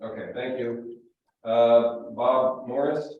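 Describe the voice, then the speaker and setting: A man's voice: mid-range voice, steady tone, slow pace. A man calling roll at a meeting who keeps hesitating with ums, his voice muffled and hollow as if he were speaking from the bottom of a well. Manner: hesitant, many ums and uhs. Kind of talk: hybrid meeting roll call. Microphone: remote call audio. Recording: echoey, distant, phone-like call line.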